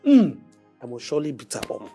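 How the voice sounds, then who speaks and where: A man's voice: on the high side, huge pitch swings, brisk, dark tone, soft background music, exaggerated voice. An actor with a Nigerian accent playing a defiant, hot-headed young man in a film drama, brash and confrontational. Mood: grumbling, stubborn.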